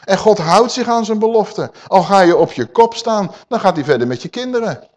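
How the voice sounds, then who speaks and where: A man preaching a sermon, emphatic and swinging between loud and hushed, calling his listeners dear people. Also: high-pitched, expressive, fairly quick.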